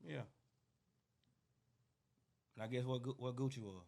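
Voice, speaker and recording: A man's voice: mid-range voice, a little slow, vocal fry, darkish tone, slight background noise. A man, a record label founder speaking as an interview guest in blunt street slang, often repeating himself. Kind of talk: casual interview talk.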